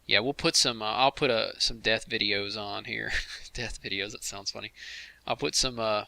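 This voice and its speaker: A man hosting a casual game commentary livestream, chatty and quick to laugh as he talks to the chat room. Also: lowish voice, fairly even intonation, gravelly, sharp tone, no room sound. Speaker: host of a game commentary stream.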